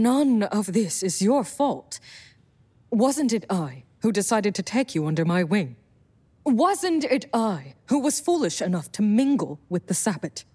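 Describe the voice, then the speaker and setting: A woman's voice: medium pitch, darkish tone, slightly rough. A woman voicing a confident, protective female vampire sire with a wry, self-assured manner in an audio drama.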